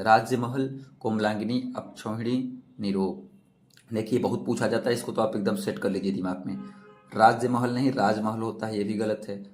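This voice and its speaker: A man's voice: on the low side, darkish tone. Man quizzing students on spelling. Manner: quizzing, repeats questions and answers. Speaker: teacher. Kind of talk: exam-prep lecture.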